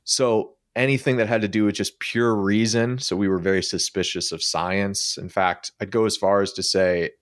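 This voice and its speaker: A man with a very low voice explains his thinking at an unhurried conversational pace, with a fair number of fillers. The sound is dry and close, with no room echo. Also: steady tone. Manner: thoughtful, explanatory, frequent filler words. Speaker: podcast guest. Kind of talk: casual conversational discussion.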